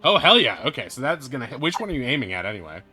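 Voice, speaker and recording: A man running a tabletop role-playing game online, chatty and quick to laugh, often restarting his sentences. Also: mid-range voice, big pitch swings, bright, forceful tone, husky, soft background music. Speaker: game master.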